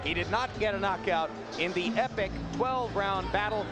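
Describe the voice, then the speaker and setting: A male sports broadcaster with a high voice sets the scene at ringside. He speaks in articulate, measured sentences, with music in the background. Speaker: boxing play-by-play host. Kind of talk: live sports broadcast commentary. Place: ringside in a large arena.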